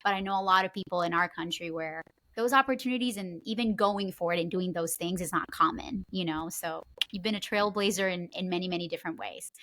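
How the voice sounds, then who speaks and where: A woman's voice: lowish voice, brisk, few pauses, fairly bright tone. A woman hosting a podcast interview, speaking enthusiastically and heaping praise on her guest. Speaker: podcast host. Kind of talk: casual interview.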